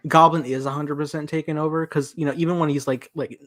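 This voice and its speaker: A man's voice: on the high side, steady tone, fast, fairly bright tone, dry recording. A man hosting a podcast in casual chat, rambling along with lots of fillers and restarts. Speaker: podcast host.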